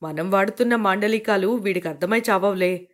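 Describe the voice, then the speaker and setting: A man's voice: high voice, a little fast, fairly bright tone, pitched below the performer's own voice. A woman reading as a grumbling, joking man. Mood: grumbling jokey. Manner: grumbling, wisecracking. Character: joking, grumbling man who misses his home food.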